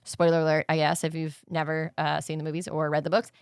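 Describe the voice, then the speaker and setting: A young adult woman co-hosting a podcast, telling an animated story with frequent laughter. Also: deep voice, fast talker, clear, resonant tone, dry recording, clean studio sound. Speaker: podcast co-host. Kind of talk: casual chat.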